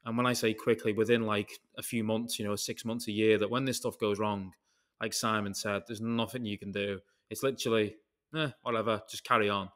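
A British man with a somewhat low voice talks in a relaxed podcast chat. He rambles from one tangent to the next, swears casually, and keeps his stories loose and conversational. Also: a little fast. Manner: rambling storyteller who jumps between tangents and swears casually. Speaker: podcast guest, concrete craftsman.

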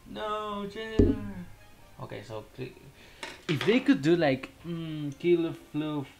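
Gravelly slow-talking man playing a game. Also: on the high side, animated, music in the background. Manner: rambling, muttering, frequent restarts, bursts of laughter. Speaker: gaming YouTuber. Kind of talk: casual gameplay commentary.

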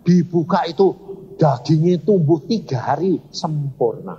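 A man's voice: a little high, animated, measured pace, mellow, husky. A man with a Javanese accent preaching a storytelling sermon, acting out dialogue in many voices. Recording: reverberant hall, dull lo-fi sound.

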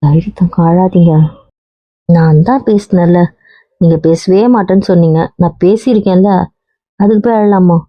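A woman's voice: on the low side, fairly even intonation, normal speed, long pauses, no echo. A woman, coaxing and teasing as a wife in a scripted family drama. Her voice sits in an ordinary middle register. The sound is dry and a little dull.

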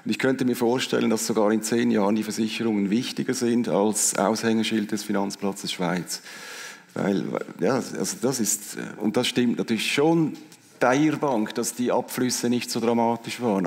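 A man's voice: on the low side, moderate pace, darkish tone. A middle-aged man with a Swiss German accent, a history professor on a panel, talking emphatically and wryly. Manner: emphatic, wry, repeats words. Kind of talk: panel discussion. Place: large hall stage, seated in armchair. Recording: long hall reverb.

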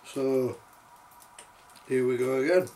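A man in his sixties giving casual, halting commentary as he eats very hot jelly beans and reacts to the heat, recorded on a distant camera mic in a small room. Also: medium pitch, fairly even intonation, warm tone, a little hiss or hum. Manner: halting, reacting to chilli heat between mouthfuls. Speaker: vlogger doing a tasting challenge. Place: small cluttered home office, indoors. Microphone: camera a few metres away.

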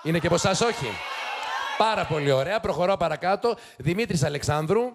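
A TV show host with a high, expressive, creaky voice delivers teasing, sarcastic commentary and quick mocking asides to a studio audience. The studio is noisy, with the crowd loudly laughing and cheering.

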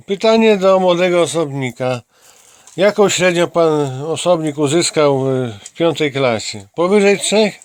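A man with a slightly high, expressive voice takes his time hosting a homemade interview with a companion in a small computer room at home. He jokes in a mock-formal manner and keeps dropping slangy promos for his amateur channel; the recording is dry and studio quality.

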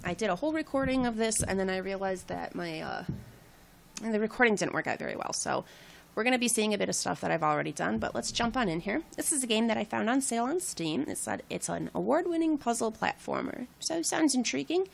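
Female let's play host: lively intonation, vocal fry, casual and wry. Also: fairly high pitch, fairly quick. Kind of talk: casual game commentary.

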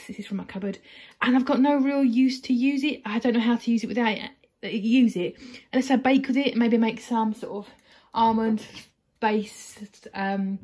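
Chatty English woman with a breathy voice. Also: fairly high pitch, dark tone. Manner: chatty and upbeat, many fillers and restarts. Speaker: vlogger. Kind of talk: casual grocery haul vlog. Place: home kitchen, indoors. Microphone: phone camera at arm's length.

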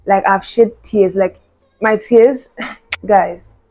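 A woman's voice: mid-range voice, fairly even intonation, slow, mellow, soft background music, poor audio. A young woman, a university student chatting casually to camera, full of "like" and "you know". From Nigeria. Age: young adult. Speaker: vlogger.

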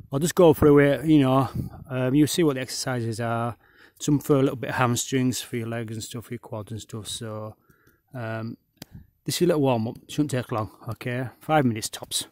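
A man's voice: medium pitch, fairly even intonation, moderate pace, darkish tone, no room sound, clean studio sound. A man who pronounces his R's as W's, giving casual exercise instructions as a fitness instructor. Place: outdoors on an open grassy hillside.

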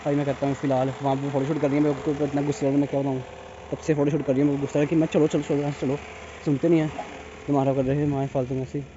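A young man vlogging casually outdoors in a sanctuary, chatty and teasing, speaking softly because his throat is sore. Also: mid-range voice, little pitch movement, racing, lo-fi sound, background noise. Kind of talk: casual vlog narration.

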